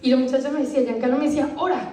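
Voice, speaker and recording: Woman, church testimony, earnest and emotional, high pitch, set back from the mic in a roomy hall. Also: steady tone, very fast, mellow. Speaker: church member giving testimony. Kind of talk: personal religious testimony. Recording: echoey room, voice from far off.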